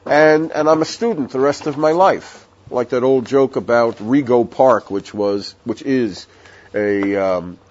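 A man's voice: medium pitch, measured pace, a little mellow. A man giving a recorded Torah class in a conversational, digressive way, telling jokes along the way. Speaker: Torah teacher. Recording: dull lo-fi audio with faint hiss.

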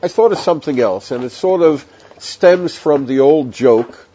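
A man's voice: fairly high pitch, expressive, moderate pace, warm tone, husky. Man teaching Torah, lo-fi recording. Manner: conversational, digressive, tells jokes. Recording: dull lo-fi audio with faint hiss.

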